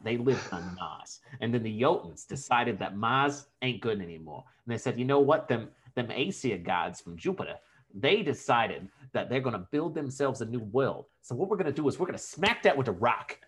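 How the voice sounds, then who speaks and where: A man's voice: extremely high pitch, huge pitch swings, measured pace, fairly bright tone, slightly rough, pitched above the performer's own voice, exaggerated voice. A man voicing a brash, swearing tough-guy storyteller with an exaggerated put-on accent that keeps shifting, telling a myth as a comic tale. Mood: rowdy. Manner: rowdy, swearing, laughing through the tale.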